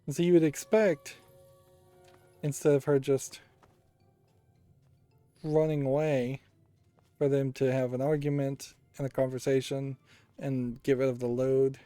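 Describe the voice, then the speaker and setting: A man with a dark, relaxed voice talks through a video game in a casual, analytical way. The sound is close and dry, with game music behind him. He muses and reasons out loud as he plays. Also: medium pitch, unhurried, long pauses, smooth, no room sound. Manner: musing, analytical, thinking aloud. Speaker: host of a video game playthrough.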